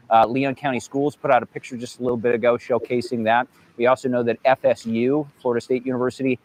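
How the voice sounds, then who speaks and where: A man working as a TV field reporter gives a live storm report in an emphatic, conversational way, often checking in with a rhetorical tag question. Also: medium pitch. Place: outdoors in wind and light rain.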